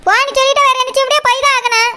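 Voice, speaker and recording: A woman's voice: very high-pitched, steady tone, rapid-fire, bright, forceful tone, a little hiss or hum, full character voice. A woman voicing a bossy, protective older sister-in-law in a cartoon, lecturing and scolding.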